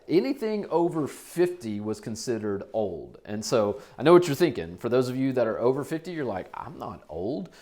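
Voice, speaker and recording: A man's voice: medium pitch, darkish tone. Pastor in his forties preaching. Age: 40s. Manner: conversational, repeats phrases for emphasis. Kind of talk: sermon. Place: church.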